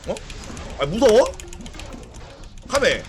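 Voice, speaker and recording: A man streaming a game live, excitable and trash-talking, swearing and bursting into shouts during fights. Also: high voice, extremely slow, soft background music. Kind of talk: live game-play commentary.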